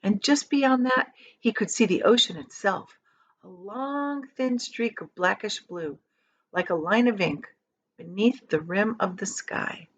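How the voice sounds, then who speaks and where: A woman with a medium-pitched voice reads a children's storybook aloud the way a teacher would, adding dramatic emphasis and drawing out key words.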